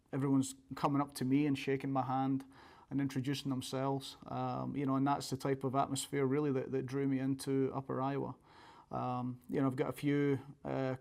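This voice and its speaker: Male coach, thick Scottish accent, medium pitch, level intonation, informal interview delivery. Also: gravelly, a little mellow. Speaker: college soccer coach.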